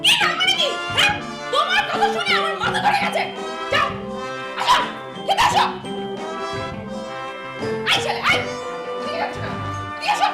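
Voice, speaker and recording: An actress playing a shrill, bossy, quick-tempered young wife in a comedy TV drama. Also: female voice. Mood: scolding. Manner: high, scolding, shrill. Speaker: wife Nila. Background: music.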